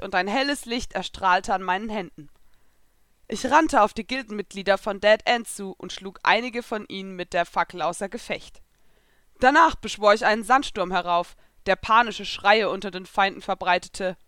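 A woman reads a first-person fan fiction story aloud with lively, expressive storytelling at a middle pitch. The sound is dry and close, with no room around it. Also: clean tone, dry recording. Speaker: reader.

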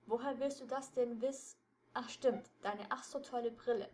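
A woman's voice: on the high side, fairly even intonation, normal speed, darkish tone, a little hiss or hum, lightly acted. A woman voicing a nervous, easily annoyed teenage boy detective who complains and frets. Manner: complaining, fretful.

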